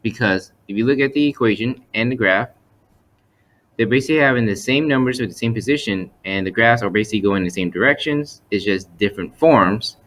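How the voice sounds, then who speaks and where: A man's voice: lowish voice, a little fast, a bit bright. A man teaching step by step as he narrates slides, methodical and explanatory, often restating his points. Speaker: math teacher. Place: voice-over for a screen recording.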